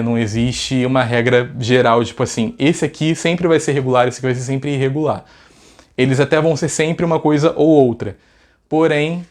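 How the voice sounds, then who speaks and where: A man's voice: mid-range voice, darkish tone. Brief: chatty Brazilian male teacher, casual lesson, keeps asking the viewers questions. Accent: Brazilian Portuguese. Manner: chatty, asks rhetorical questions. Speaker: English teacher.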